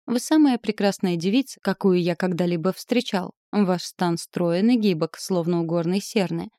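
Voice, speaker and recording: Arrogant young suitor, fiery and boastful, read by a woman in a low, mellow voice; dry close sound. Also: no echo, lightly acted. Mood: ardent. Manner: boastful, hoarse, forceful declarations. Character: passionate, arrogant young male suitor, turning menacing. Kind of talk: audiobook character reading.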